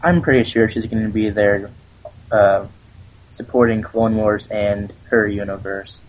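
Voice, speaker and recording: Low-voiced man with a sore throat. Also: steady tone, measured pace, lo-fi sound. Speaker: podcast co-host. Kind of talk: casual fan chat.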